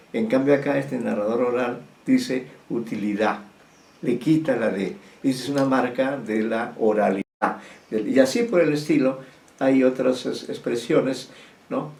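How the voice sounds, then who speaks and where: Hesitant male lecturer, gravelly voice. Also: medium pitch, a little mellow. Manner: hesitant, many fillers and restarts. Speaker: literature teacher. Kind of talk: university lecture. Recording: echoey room, distant mic, faint noise.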